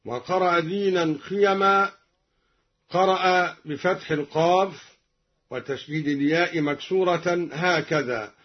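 A man teaching a Quran recitation reading, switching between plain explanation and slow melodic chanting of the verses. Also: fairly high pitch, slightly rough, muffled recording.

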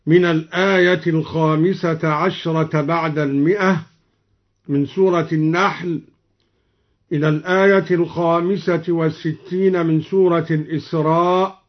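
Man, recitation teacher, unhurried delivery, explains then chants verses, muffled lo-fi recording. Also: on the high side. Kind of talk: recitation lesson. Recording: dull lo-fi recording.

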